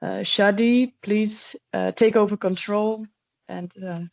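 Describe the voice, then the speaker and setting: A woman moderating a webinar, introducing speakers with halting fillers. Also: medium pitch, fairly even intonation, darkish tone, no room sound. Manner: halting, with many "uh"s.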